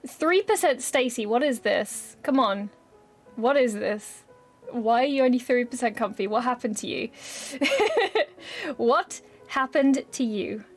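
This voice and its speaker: A woman streamer chatting casually with her live viewers, bubbly and excitable, laughing often and swearing freely. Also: fairly high pitch, takes it slowly, faint music behind.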